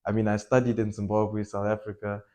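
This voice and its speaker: Young malawian coach guy, lowish voice, chatty and jokey, casual podcast talk. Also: a little fast. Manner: animated, laughs easily, casual slang. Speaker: football coach and academy owner.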